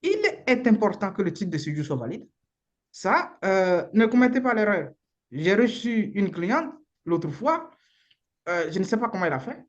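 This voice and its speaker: A woman's voice: mid-range voice, sing-song, moderate pace, dull audio. A woman lawyer with a Beninese accent gives informal, frank advice in a live online session, using the odd blunt slang word. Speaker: immigration lawyer.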